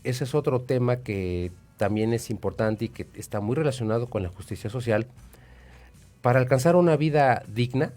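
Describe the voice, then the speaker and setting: Mexican guy hosting a radio talk show, explains stuff slow and steady, warm darkish voice, soft music behind. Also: medium pitch. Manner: measured, explanatory, with hesitant fillers.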